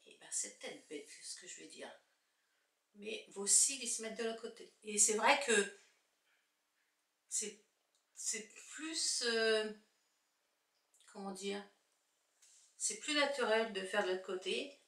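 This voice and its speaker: A makeup vlogger chats casually through a tutorial at home while her husband films, thinking aloud as she shows each product. Her mid-range voice is pushed and bright, moving slowly with long pauses. The room echoes, and the mic sits far from her.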